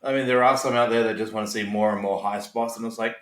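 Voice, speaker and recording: A man's voice: on the low side, steady tone, fast, a bit bright. A man chatting casually as a podcast co-host, giving his opinions in a reflective, slightly hesitant way. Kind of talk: casual chat. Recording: roomy, echoey sound.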